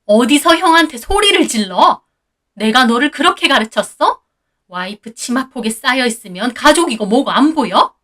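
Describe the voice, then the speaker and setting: A woman's voice: high voice, expressive, normal speed, a bit bright. A woman voicing a domineering older mother-in-law who scolds harshly and shrilly. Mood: furious scolding.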